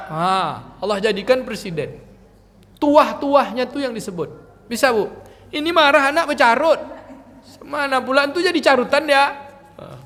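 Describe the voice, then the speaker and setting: Brief: male ustadz, high voice, chatty and joking, long hall reverb. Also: a bit bright. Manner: chatty, joking, addresses the women listeners directly. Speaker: religious teacher. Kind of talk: religious study lecture. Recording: reverberant hall, faint ambience.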